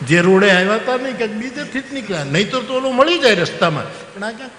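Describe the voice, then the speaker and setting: Male religious storyteller, folksy and animated, slightly high-pitched, in a reverberant hall. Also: fast talker. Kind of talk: devotional story sermon. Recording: roomy hall with long reverb.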